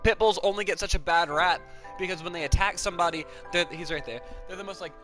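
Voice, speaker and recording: A man's voice: high voice, fast talker, music in the background. A man livestreaming and chatting casually, rambling and swearing with lots of "like" fillers. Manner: rambling, profane, peppered with "like". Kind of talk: casual chat.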